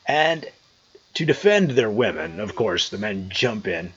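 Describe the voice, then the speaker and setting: An American man tells a story in a casual, amused vlog style. His pitch moves around in an animated way while his pace stays unhurried. The voice is a little husky, recorded outdoors. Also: muffled recording. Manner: amused, chuckling conversational storyteller. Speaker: vlogger. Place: outdoors on a trail.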